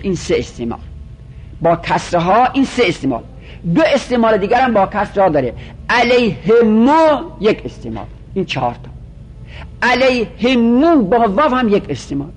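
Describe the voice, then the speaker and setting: A male teacher with a high, very animated voice gives a methodical grammar lecture. He lists the forms one at a time, stretching out the example words, while faint noise sits under him.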